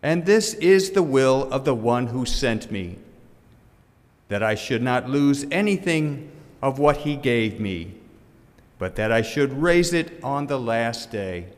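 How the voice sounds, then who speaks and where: A man in his fifties giving a solemn, measured scripture reading as clergy, with a cathedral-like echo. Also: mid-range voice, animated. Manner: measured, deliberate liturgical delivery. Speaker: clergyman reading the Gospel at a funeral Mass. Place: church, at the lectern. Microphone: gooseneck lectern microphone. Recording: cathedral-like echo, long church reverb.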